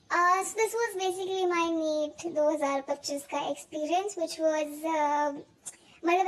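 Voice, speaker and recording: A young woman from India talking casually to the camera, chatty and self-mocking, switching between two languages. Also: very high voice. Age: young adult. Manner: chatty, mixes English into her talk, self-mocking. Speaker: vlogger. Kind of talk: casual chat.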